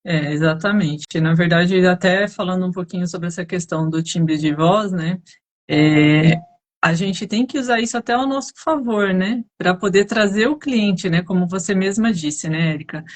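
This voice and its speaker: A woman's voice: on the low side, moderate pace. A woman co-hosting a casual live chat over a video call, chatty, with many fillers. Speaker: co-host.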